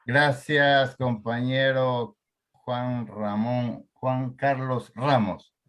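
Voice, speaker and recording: A man's voice: mid-range voice, fairly even intonation, drawn-out words, a bit bright. Male host, formal, online show, stumbles over names. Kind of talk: online political talk show.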